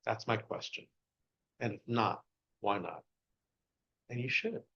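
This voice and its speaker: A man's voice: fairly low pitch, slow, vocal fry, muffled recording. Man giving a short club speech. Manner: asks the audience one question after another; grows loud and excited. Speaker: club speaker.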